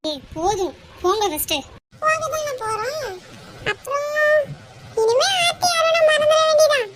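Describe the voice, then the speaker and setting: A woman voicing a group of young women in an animated cartoon, bickering and teasing each other. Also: extremely high pitch, moderate pace, a little hiss or hum. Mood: quarrelsome. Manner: quarrelsome, teasing. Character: young women friends bickering with office bullies.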